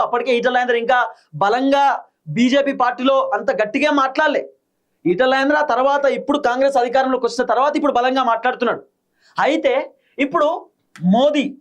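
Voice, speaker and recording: Fast, high-voiced Telangana commentator. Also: male voice. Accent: Telangana Telugu. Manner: emphatic, repeats points in short punchy phrases. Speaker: political commentator. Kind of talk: political commentary monologue.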